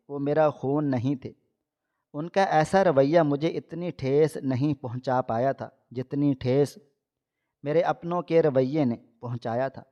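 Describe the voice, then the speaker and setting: A man reading a first-person moral story in a steady, measured voice. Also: on the high side. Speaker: story narrator. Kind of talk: scripted story narration. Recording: dull lo-fi audio.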